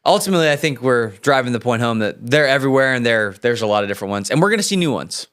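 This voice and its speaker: A man in an earnest, easygoing finance chat, his voice sitting at an ordinary middle pitch. He tells stories of scams with a warning tone, now and then lifting his voice for emphasis. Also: very fast, clean tone. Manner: earnest, cautionary, lively storyteller. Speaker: host. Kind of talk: casual podcast chat.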